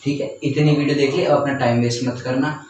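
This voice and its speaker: A man's voice: medium pitch, steady tone, brisk, a little mellow, a little hiss or hum. A young man teaching a grammar lesson step by step, repeating points and often saying okay. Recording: very echoey room, voice from far off.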